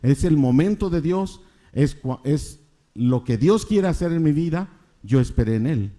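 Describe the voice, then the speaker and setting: Male preacher, middle-aged, mellow tone, emphatic repetition of key phrases. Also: on the high side, animated, a little slow. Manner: questions the congregation, repeats key phrases emphatically. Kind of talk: sermon.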